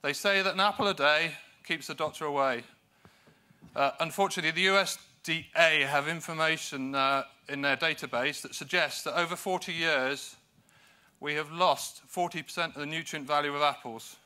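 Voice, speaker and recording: UK man presenting at a farming conference, very bright, tense tone, fairly high voice, dry humour. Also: fairly even intonation, normal speed. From United Kingdom. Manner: dry, self-deprecating humour; hesitant fillers between points. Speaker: conference speaker.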